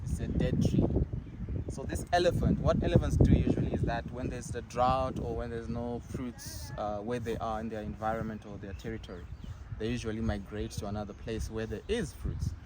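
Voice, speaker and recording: A man from Zimbabwe, a bead artist, talking haltingly in a casual interview outdoors at a zoo. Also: mid-range voice. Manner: halting, many fillers. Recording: loud outdoor background noise.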